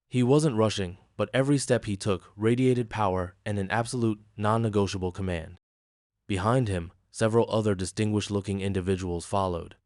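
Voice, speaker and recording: A man reading a dramatic story as a narrator, in an even storytelling manner. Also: fairly low pitch, no echo, clean studio sound.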